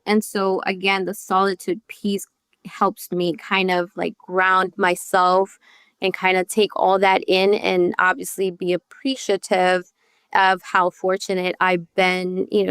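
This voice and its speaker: With a medium-pitched, creaky yet smooth voice that barely shifts in pitch, a woman speaks a little slowly in a studio recording with no room sound. She is a youth advocate, born in El Salvador and partly raised in Northern Virginia, candidly telling her personal story as a podcast guest and often checking in with "you know" and "right?".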